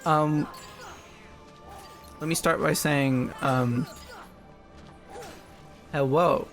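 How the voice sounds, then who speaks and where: A man's voice: fairly high pitch, steady tone, drawn-out words, fairly bright tone, soft background music. A man co-hosting a gaming show, teasing his partner in a dry way, often hesitating with fillers. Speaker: podcast host. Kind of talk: casual gaming chat.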